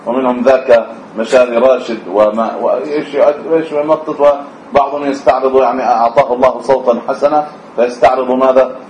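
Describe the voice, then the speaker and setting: A man's voice: medium pitch, a little mellow, a little hiss or hum. A man, teaching a class on the call to prayer, asking students questions and singing out short examples. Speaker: religious teacher. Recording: echoey room, slightly dull sound.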